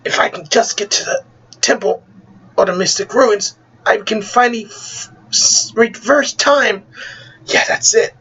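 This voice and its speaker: A man's voice: high-pitched, unhurried, sharp tone, breathy edge, highs cut off, voice pushed up, full character voice. A man voicing an earnest, anxious young male hero who talks urgently. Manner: urgent, pleading.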